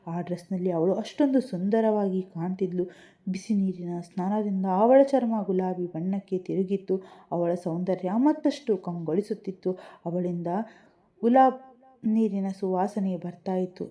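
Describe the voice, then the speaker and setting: Mellow-voiced woman narrating a love story. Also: on the low side, highs cut off. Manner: even, descriptive storytelling.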